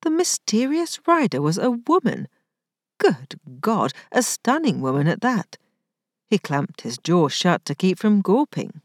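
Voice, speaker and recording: A woman narrating a historical romance novel in an expressive, scripted reading style. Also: medium pitch, measured pace, no echo, studio quality. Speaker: audiobook narrator.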